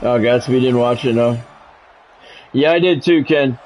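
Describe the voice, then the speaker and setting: His mid-range, slightly mellow voice moves at a steady pace as he streams a game and mixes offhand opinions with sports commentary. There's music in the background, and the sound is lo-fi and muffled.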